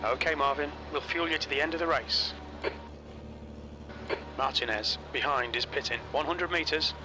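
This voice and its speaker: A man's voice: on the high side, moderate pace, background noise, lightly acted. A man voicing a race engineer in a racing game, giving terse, clipped calls. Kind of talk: scripted game voice lines.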